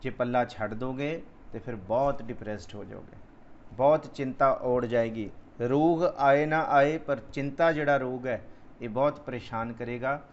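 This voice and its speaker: A man giving a Sikh scripture discourse, slowly chanting verses and then explaining them in plain speech. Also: mid-range voice. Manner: slow sung recitation of verses between plain explanation. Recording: slightly dull lo-fi sound.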